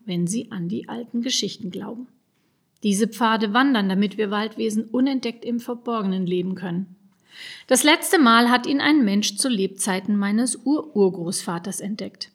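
A woman's voice: medium pitch, husky. A woman voicing a grumpy male forest kobold over a hundred years old, indignant and lecturing, in a storybook reading.

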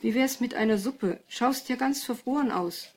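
A woman's voice: on the high side, normal speed, pitched above the performer's own voice. A woman doing a fretful, fussing mother. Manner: anxious, hushed and fretful. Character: worried, fussing middle-aged mother.

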